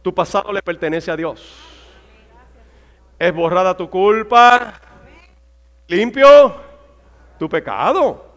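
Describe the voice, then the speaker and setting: A man's voice: high-pitched, unhurried, long pauses, a bit bright. A man, a pastor, preaching a fervent sermon that rises to exclamations. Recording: hall reverb.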